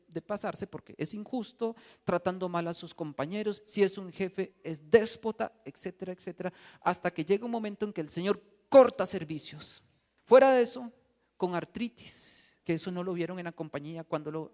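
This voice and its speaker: A priest preaching a sermon with animated, humorous storytelling. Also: male voice, high voice. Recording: reverberant church hall.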